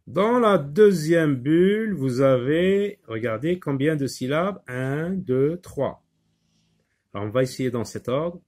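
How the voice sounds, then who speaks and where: A man's voice: mid-range voice, animated, slow, darkish tone. A man teaching a reading and handwriting lesson, patiently talking the class through each step.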